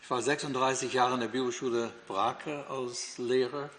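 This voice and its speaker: An older American man, a native English speaker from the United States, teaches the Bible in German, hesitating with many fillers and restarts. His mid-range voice is a bit bright, with fairly even intonation at normal speed, and a long hall reverb surrounds it.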